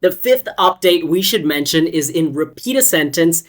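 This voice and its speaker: An English test-prep teacher giving a scripted online lesson, explaining step by step with lively rises and falls. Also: medium pitch, moderate pace. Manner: clear, explanatory, instructive.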